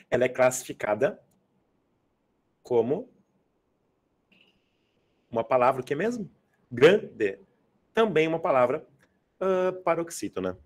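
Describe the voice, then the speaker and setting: A man teaching a live grammar class for exam students, in a casual, slangy way, often asking the class to confirm they follow. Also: mid-range voice. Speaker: Portuguese teacher. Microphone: adjustable microphone.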